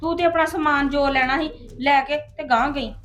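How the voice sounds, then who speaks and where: A sharp, complaining sister-in-law, played by a woman with a high voice. She nags about family debts in a sulky, grudging tone. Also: fairly even intonation, a little fast.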